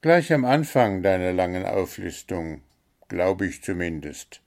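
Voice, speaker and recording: Grumbling, gruff male gnome done by a man, storybook voice. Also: deep voice, big pitch swings, measured pace, full character voice.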